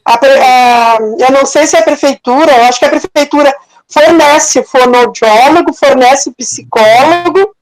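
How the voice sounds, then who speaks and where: A woman's voice: high-pitched, moderate pace, soft background music, low-quality recording. A woman taking part in a casual online class, hesitant and thinking aloud with restarts, over a video call. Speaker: class participant.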